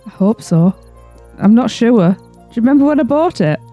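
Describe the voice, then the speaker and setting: A woman playing an anxious young wife, speaking quickly and worriedly. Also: on the high side, animated, dark tone, faint music behind, lightly acted. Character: anxious young wife who fears her writing.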